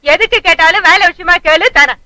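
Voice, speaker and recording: An exasperated wife who nags and scolds without letup in a film comedy. Her voice is very high and bright, recorded dry and close. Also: fairly quick, no room sound. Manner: nagging, scolding.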